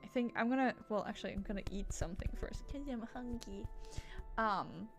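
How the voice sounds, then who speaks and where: A woman chats casually on a game livestream, rambling, giggling, and looping back to repeat herself. Her medium-pitched voice moves a little fast, and faint music plays in the background.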